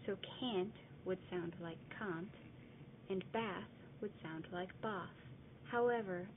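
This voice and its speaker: A woman giving scripted educational narration about a regional accent, clear and deliberate, slowing down to demonstrate words. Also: fairly low pitch. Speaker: narrator explaining a dialect. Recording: lo-fi phone-like audio, faint noise.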